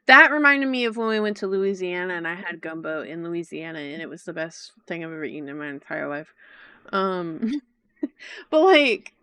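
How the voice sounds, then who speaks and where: A woman's voice: fairly low pitch, pushed and bright, clean tone, no room sound. A woman livestreamer giving casual reactions to a video, chatty and thinking aloud.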